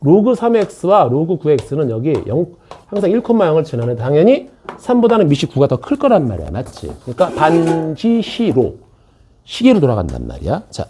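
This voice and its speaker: Male math teacher lecturing a class, very animated swings in pitch and a mellow, slightly husky tone, chatty and playful with students. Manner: chatty, jokes with students, keeps checking in.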